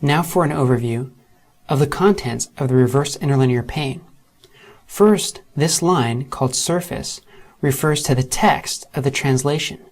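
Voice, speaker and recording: Reading a scripted tutorial over a screen recording, a man with a mid-range voice explains the software step by step in a steady, methodical manner. Whenever he spells out letters or a term, he slows right down.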